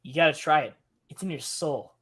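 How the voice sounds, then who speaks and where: A man from Texas co-hosting a casual sports commentary stream, excitable and playfully scolding his partner. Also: fairly high pitch, a little fast. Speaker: co-host and commentator.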